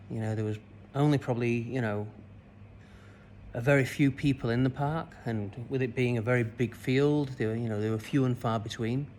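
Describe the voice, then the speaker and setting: Rich: A man at medium pitch tells a personal story to camera in a meandering, conversational way, often circling back with fillers and restarts. A faint hum of noise sits behind his voice. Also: a little mellow. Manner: rambling, many fillers and restarts. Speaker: spiritual coach.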